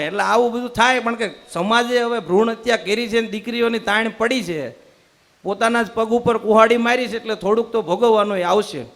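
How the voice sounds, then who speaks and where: High-voiced comedian. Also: male voice, a bit bright. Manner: rapid joke-telling with quoted dialogue. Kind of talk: stand-up comedy storytelling.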